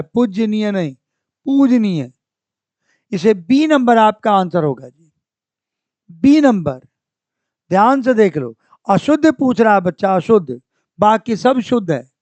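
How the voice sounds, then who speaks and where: A man with a fairly high voice teaches spelling for exam practice and says each word over and over as he corrects it. He talks at an unhurried pace and clears his throat now and then. The recording is dry and close. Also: a little mellow, no room sound. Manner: slow and repetitive, saying each word several times and correcting it. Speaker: Hindi grammar teacher. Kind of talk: exam-prep lesson, working through spelling questions.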